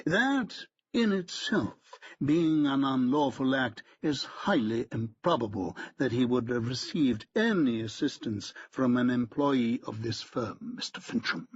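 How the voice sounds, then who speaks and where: A male audiobook reader voices a pompous, stiff barrister, haughty, clipped and precise. His mid-range voice is a little husky, animated yet unhurried. The audio is dull and lo-fi.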